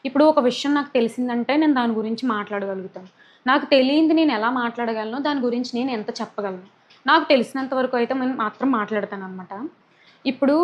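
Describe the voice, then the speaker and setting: A woman's voice: on the high side, muffled recording. A young woman speaking to camera, upset and indignant, dropping English words into her talk. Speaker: YouTuber. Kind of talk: talking to camera, personal statement.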